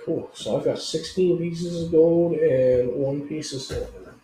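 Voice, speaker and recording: A man playing a tabletop game, talking in a slow, drawn-out, joking way. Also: on the high side, mellow. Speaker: player. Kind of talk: casual tabletop play. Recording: echoey room with faint noise.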